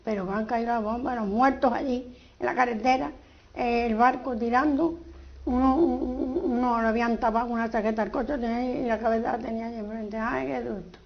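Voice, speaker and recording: An older woman recalling her flight as a war survivor in quick, fragmented documentary testimony. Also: a little high, fairly even intonation. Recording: dull lo-fi documentary recording.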